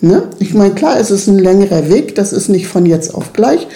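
A middle-aged woman with a gravelly, mellow voice speaks in an earnest, emphatic way. She is being interviewed about her work with children and keeps checking that her listener agrees. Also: medium pitch, sing-song, moderate pace. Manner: earnest, emphatic, often asks "ne?". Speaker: children's club leader. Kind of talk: interview conversation.

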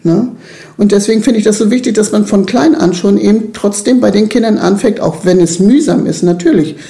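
A woman's voice: mid-range voice, brisk, creaky, dark tone. A middle-aged woman leading a children's club, talking earnestly and emphatically in an interview, often checking in with "ne?". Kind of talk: interview conversation.

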